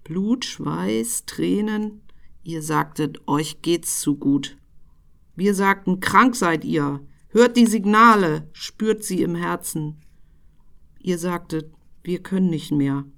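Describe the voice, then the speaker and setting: A woman giving a slow poetry recital, with a rhythmic delivery that breaks into sudden loud bursts and whispered phrases. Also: lowish voice, expressive, creaky.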